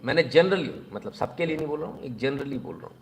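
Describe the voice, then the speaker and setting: A man giving sarcastic news commentary in an animated voice, and he often speaks directly to the people he criticises. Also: mid-range voice, fast talker, gravelly. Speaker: political commentator.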